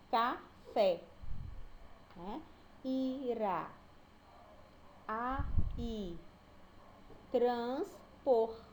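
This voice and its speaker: Woman, Brazilian accent, teacher, slow deliberate delivery, faint noise. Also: mid-range voice, a little mellow, poor audio. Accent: Brazilian Portuguese. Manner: patient, slows down to sound out syllables. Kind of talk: recorded online lesson.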